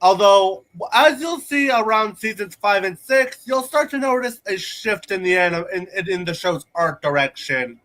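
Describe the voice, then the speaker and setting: A man's voice: high-pitched, lively intonation, normal speed, few pauses, fairly bright tone, poor audio. A man co-hosting a casual cartoon podcast, who stumbles over filler words. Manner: hesitant, repeats filler words. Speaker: podcast co-host.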